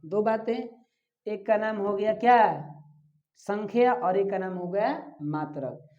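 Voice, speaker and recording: A man's voice: high-pitched, takes it slowly, darkish tone. A male physics teacher, giving a classroom-style lecture and asking questions he then answers himself while repeating key terms. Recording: echoey room, dull lo-fi sound.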